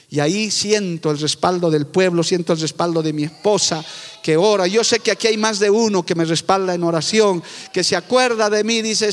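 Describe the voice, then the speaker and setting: A middle-aged man preaching fervently as a pastor, moving between loud proclamations and quiet, confiding asides. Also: sits high. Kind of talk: sermon. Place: church sanctuary with long reverb. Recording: echoey church hall.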